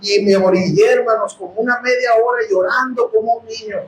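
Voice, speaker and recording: A man with a Mexican accent preaching a sermon testimony, impassioned and often bursting into shouts as he addresses his brothers. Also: sits high, fairly even intonation, a little fast, reverberant, slight background noise, poor audio. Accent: Mexican Spanish. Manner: impassioned, bursts into shouting, calls listeners "hermanos". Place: house of prayer.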